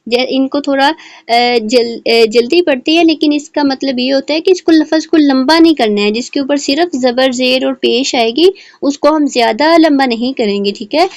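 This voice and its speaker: A woman teaching beginners to read the Quran, sounding out letters slowly syllable by syllable and checking in often with "theek hai". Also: high voice, no room sound. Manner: repeats "theek hai" and mixes in English words. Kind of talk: patient recorded lesson for beginners.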